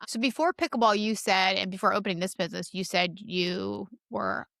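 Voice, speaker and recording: Upbeat lady host asking questions, normal pitch, dry sound. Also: brisk, gravelly, fairly bright tone, no echo. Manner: upbeat, encouraging interviewer. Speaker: podcast host. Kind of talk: casual interview chat.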